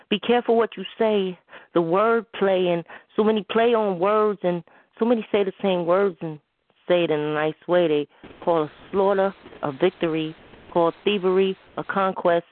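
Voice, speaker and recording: A woman co-host performing a spoken-word poem with a measured, rhythmic delivery and hushed emphasis. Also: fairly low pitch. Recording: phone-line sound with faint noise.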